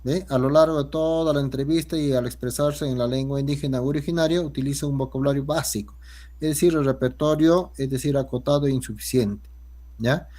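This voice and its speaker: A man's voice: medium pitch, brisk, a little mellow. A man, teaching a language class. He explains a grading rubric and keeps checking in with his students. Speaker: Quechua teacher.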